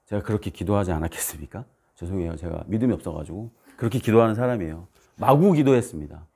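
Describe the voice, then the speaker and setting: A man preaching a sermon as a missionary, telling stories and acting out the voices and shouts in them. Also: deep voice, animated, quick pace, slightly rough. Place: church.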